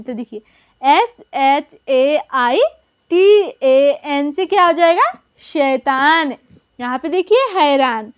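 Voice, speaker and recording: High-voiced woman teaching spelling. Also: no room sound, dull audio. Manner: spells words out slowly letter by letter; repeats "तो देखिए" and "जो है ना" often. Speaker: English teacher. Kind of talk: spelling lesson for beginners.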